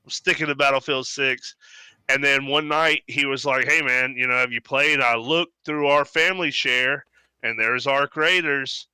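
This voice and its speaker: A man's voice: medium pitch, fairly even intonation, moderate pace, bright, forceful tone, clean tone, no echo, poor audio. A man co-hosting a podcast, talking casually and animatedly, swearing freely and mimicking other people's voices when he tells stories. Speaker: podcast co-host. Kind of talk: casual chat.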